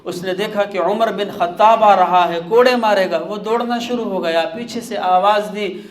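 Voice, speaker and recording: A man preaching a sermon, telling stories dramatically and swinging between hushed and raised passages. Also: high-pitched, roomy sound, a little hiss or hum. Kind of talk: storytelling sermon.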